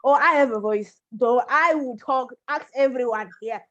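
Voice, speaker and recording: Speaking at an ordinary speed in a high, somewhat bright voice, a Zimbabwean woman argues passionately for mental health and epilepsy causes during a panel discussion on a video call. Her emphatic delivery comes through dull video call audio.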